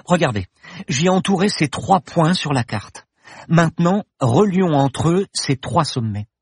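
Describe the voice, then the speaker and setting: A man reading an audiobook and voicing an eager, excitable young woman student who loves solving riddles. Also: medium pitch, unhurried, breathy edge, dry recording, clean studio sound, voice pushed up. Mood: excited. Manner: excited, insistent, rising. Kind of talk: audiobook character voice.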